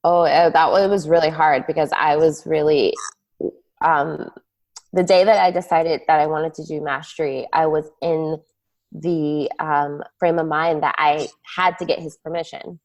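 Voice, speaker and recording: A woman guest on a podcast, telling a personal story earnestly, halting with many "um" and "like" fillers. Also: low-pitched, fairly even intonation, a little mellow.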